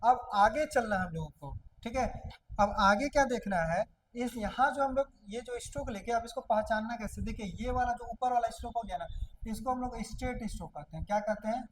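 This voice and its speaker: In a rough recording with a bit of hiss or hum, a woman with a slightly high voice teaches a shorthand class step by step. She often poses questions and answers them herself, drawing out her words.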